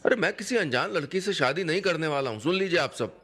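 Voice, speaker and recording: A man voicing a defiant, hot-tempered young man who protests rapidly and indignantly in a told story. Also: a little high, lively intonation, fairly bright tone, slightly rough, voice pushed up.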